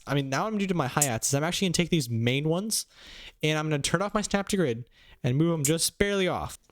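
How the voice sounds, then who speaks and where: Fast-talking young man over loud beats. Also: a little high, animated. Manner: upbeat, quick, hums drum patterns aloud. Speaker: beat-making tutorial host. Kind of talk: casual beat-making tutorial. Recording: loud music playing under the voice. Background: beats playing from the production software.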